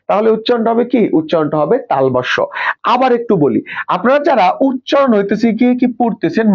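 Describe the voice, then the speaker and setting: A man teaching an exam prep lesson, asking questions and answering them himself and drilling pronunciation slowly. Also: sits high, a little mellow, muffled recording.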